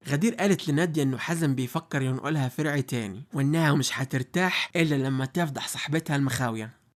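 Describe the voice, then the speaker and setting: An Egyptian Arabic-accented man tells a series plot as scripted narration at a very fast clip. His voice sits slightly high for a man, and he briefly voices the characters' quoted lines as he goes. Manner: rapid storytelling, voicing each character's quoted lines briefly. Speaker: recap narrator.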